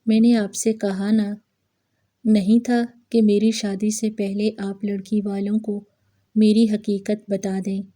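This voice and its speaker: A calm young man in a wheelchair from a spoken storybook, voiced by a woman narrator. He speaks quietly and firmly with measured reproach, and the voice stays dark and mellow. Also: medium pitch, close to an everyday voice. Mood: reproachful.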